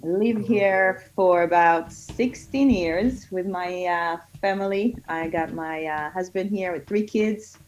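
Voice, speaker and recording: A middle-aged woman from Israel who runs a kids yoga studio is a guest on a casual podcast interview, chatting with many fillers and getting excited when she tells stories. Her pitch is fairly low and her pace slow, with few pauses. The lo-fi audio is dull, with slight background noise.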